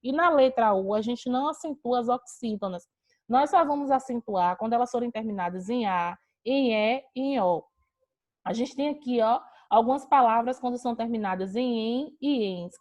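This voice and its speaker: This online grammar lesson comes from a Brazilian woman whose voice is a little high and a little mellow. For each rule, she asks a question and then answers it, explaining patiently. The recording sounds like a video call.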